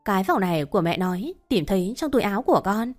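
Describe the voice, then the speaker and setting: A woman's voice: medium pitch, very animated, quick pace, lightly acted. A woman voicing a wronged young wife who answers her accusers in firm, cold retorts, over faint music. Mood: cold defiant.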